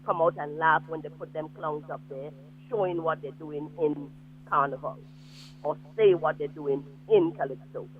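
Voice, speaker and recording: Insistent male radio caller heard through a tinny phone line, slightly raised pitch. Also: steady tone, moderate pace, a little hiss or hum. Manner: emphatic and insistent. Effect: speaking over a phone line. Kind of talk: call-in opinion.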